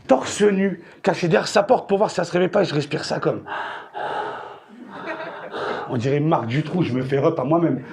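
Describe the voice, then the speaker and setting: High, gravelly male stand-up comic. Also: moderate pace, long pauses. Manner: crude, slangy storytelling with loud outbursts. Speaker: stand-up comedian. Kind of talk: stand-up comedy. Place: theater stage.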